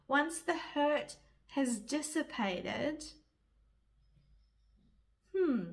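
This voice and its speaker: A woman speaks in a gentle, soothing way, giving spiritual guidance. Her voice sits a little high. She talks slowly and reflectively. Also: creaky. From New Zealand. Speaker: spiritual reader and guide.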